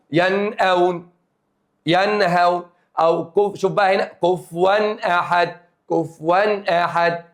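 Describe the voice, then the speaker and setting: Fast-talking Egyptian male teacher. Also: on the high side. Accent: Egyptian Arabic. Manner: rapid, repetitive drilling with questions to students. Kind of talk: exam review lesson.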